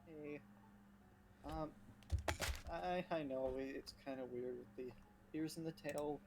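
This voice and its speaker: Brief: hesitant, quiet player, slow halting delivery. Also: medium pitch, very noisy. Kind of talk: in-character tabletop role-play.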